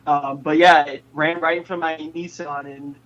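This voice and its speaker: This is a casual interview with a playful, talkative young pop singer, a New Englander in his 20s. His high voice is fairly bright and level, delivered at a moderate pace, though the phone connection makes him sound muffled and noisy.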